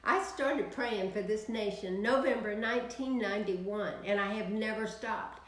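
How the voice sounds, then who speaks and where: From her home office, an older Texan minister preaches to an online audience in a prayer broadcast sermon, animated and waving her hands in wide arcs. Her medium-pitched voice keeps a moderate pace, though the audio is poor and sounds roomy.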